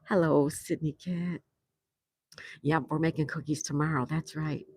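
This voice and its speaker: Here the host's voice is low-pitched, steady and unhurried, with a slightly mellow quality and a touch of background noise. She's an older New Yorker on an outdoor patio, casually chatting on a livestream and reading viewers' messages aloud, laughing frequently.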